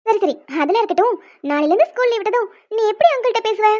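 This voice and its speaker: A woman voicing a gentle young mother in a cartoon, coaxing her daughter along. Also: extremely high pitch, lively intonation, racing. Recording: dull dry sound.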